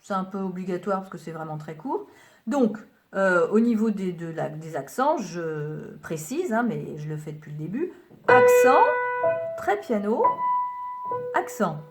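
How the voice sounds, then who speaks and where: A woman's voice: fairly low pitch, lively intonation, moderate pace. A woman piano teacher giving a patient lesson, counting beats aloud and naming notes and fingerings as she plays. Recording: piano playing loudly behind the voice.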